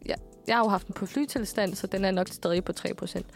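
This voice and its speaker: A young woman in her twenties, co-hosting a podcast and telling a story in a casual, animated way with lots of fillers and laughs. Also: medium pitch, creaky, faint music behind. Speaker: podcast co-host.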